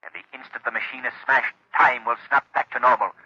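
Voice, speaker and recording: An actor playing a menacing unseen avenger who passes judgment in slow, domineering pronouncements, in the style of 1930s radio drama. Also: male voice, mid-range voice, little pitch movement, bright, forceful tone, husky, no echo. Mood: stern condemnation. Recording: dull, lo-fi 1930s radio recording.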